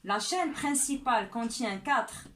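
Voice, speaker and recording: A woman's voice: on the high side, expressive, a bit bright, a little hiss or hum. A woman teaching a chemistry lesson step by step, often checking in with "d'accord?". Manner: slow and deliberate, often asks "d'accord?".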